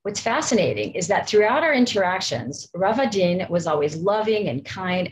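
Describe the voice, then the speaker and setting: A woman's voice: fairly low pitch, a little hiss or hum, low-quality recording. A middle-aged woman giving a heartfelt memorial talk and a Mishnah lesson, reflective and personal, explaining Hebrew terms as she goes. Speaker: Torah study teacher at a memorial.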